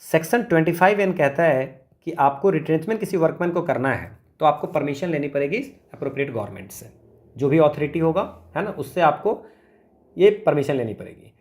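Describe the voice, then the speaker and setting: Man slowly reading out exam questions. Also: on the high side, expressive. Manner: explains step by step, reads questions slowly, asks rhetorical questions; frequent tag questions like "है ना" and "ठीक है". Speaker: exam coaching teacher. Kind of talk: exam revision lecture.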